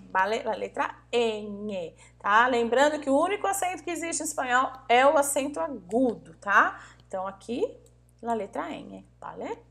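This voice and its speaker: High-voiced woman teaching patiently. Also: a bit bright. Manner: patient, repeats words slowly, checks in with "tá?" and "vale?". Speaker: Spanish teacher. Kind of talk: online language lesson.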